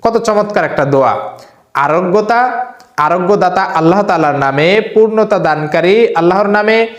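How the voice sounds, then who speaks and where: Brief: male preacher, high voice, patient teaching, echoey room. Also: animated. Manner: earnest, repetitive, demonstrates with hands, recites verses slowly. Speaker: Islamic preacher. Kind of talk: religious instruction.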